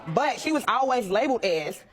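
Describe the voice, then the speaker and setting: Woman litigant, fast-talking and defensive, somewhat high. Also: very animated, over loud music, rough recording. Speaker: mistress in a paternity case. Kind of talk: courtroom show testimony.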